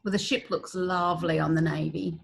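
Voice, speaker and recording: A woman's voice: lowish voice, steady tone, fairly quick, vocal fry. A middle-aged woman chatting casually as a co-host, recorded indoors at home over a video call. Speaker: co-host of a craft video blog. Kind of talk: casual chat, short responses.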